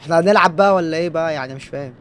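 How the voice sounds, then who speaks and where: A man with an Egyptian Arabic accent narrates his horror game run at a quick clip, joking and bantering with the figures on screen. His voice sits a little high. A faint noise runs underneath. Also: a bit bright. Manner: joking, talks back at the game. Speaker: let's play gamer.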